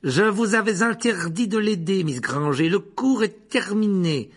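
A man voicing a cold, sneering male potions teacher who speaks slowly and with contempt, in a storybook reading. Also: mid-range voice, lively intonation, vocal fry, a bit bright, slightly rough, pitched above the performer's own voice, exaggerated voice. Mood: scornful. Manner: slow, cutting, contemptuous.

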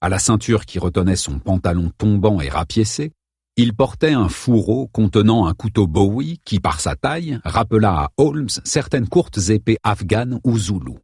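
A man reading a novel aloud as an audiobook narrator, in a steady, measured way. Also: on the low side, slightly rough, dry recording, studio quality.

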